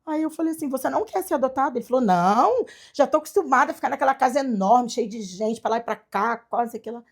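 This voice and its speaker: Brazilian woman telling a long story, kinda high voice, does all the voices. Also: fast talker. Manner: animated, acts out quoted dialogue. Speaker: guest, adoptive mother. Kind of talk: storytelling in casual chat.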